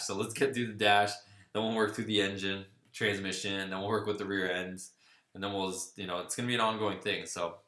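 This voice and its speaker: Here a man with a low, bright and forceful voice speaks in a roomy-sounding space. He's hosting a car channel livestream, casually reading viewer comments aloud in a Q&A and riffing on them in an easygoing way.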